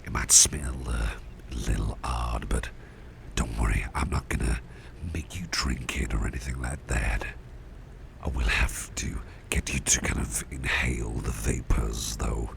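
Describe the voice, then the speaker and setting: In an ASMR roleplay, a man voices a caring, protective boss tending to his employee, speaking in a gentle, breathy near-whisper with heavy low creak, fairly even intonation, and hesitant pauses. He fully commits to the character, reassuring and unhurried, recorded up close with clear background noise.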